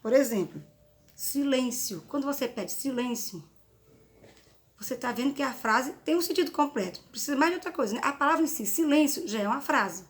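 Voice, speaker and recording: A woman's voice: high-pitched, expressive, a little fast. A woman teaching a grammar lesson, explaining through examples and checking in with frequent tag questions. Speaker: Portuguese teacher.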